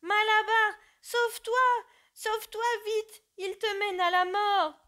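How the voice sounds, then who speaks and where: A woman's voice: very high-pitched, steady tone, takes it slowly, voice pushed up, heavily acted. A woman voicing a loyal female mare who cries out in desperation in a storybook reading. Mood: desperate. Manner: desperate shouting.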